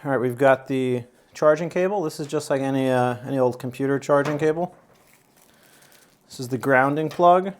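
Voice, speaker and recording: A man's voice: mid-range voice, normal speed, a little hiss or hum. A man with a mid-range voice chats his way through a product unboxing, loose and rambling. He fills his talk with "uh" and "um" and keeps circling back and restarting his sentences. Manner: rambling, chatty, many fillers and restarts. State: out of breath. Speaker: YouTube channel host. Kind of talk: casual unboxing and product review.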